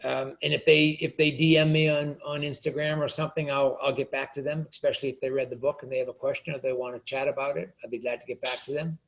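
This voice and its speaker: Male author guest, gravelly voice, passionate rant, slightly muffled audio. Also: mid-range voice, little pitch movement, fast talker, hardly any pauses, fairly bright tone. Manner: passionate, ranting, repeats words. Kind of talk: casual interview chat.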